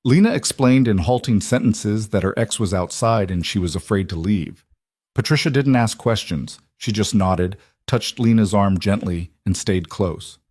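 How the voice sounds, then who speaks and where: Low-voiced male story narrator. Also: normal speed, darkish tone, no room sound.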